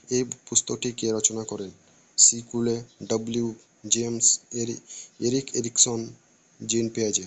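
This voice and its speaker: A man reading exam questions and answer options aloud for students, in a steady voice with occasional restarts. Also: medium pitch, husky. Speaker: teacher reading an exam paper.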